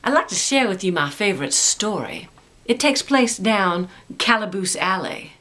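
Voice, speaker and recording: Slow, hushed low-voiced woman telling ghost stories. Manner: theatrical, deliberate, dropping into a hushed spooky tone. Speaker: ghost tour guide and storyteller. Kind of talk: dramatic ghost story narration.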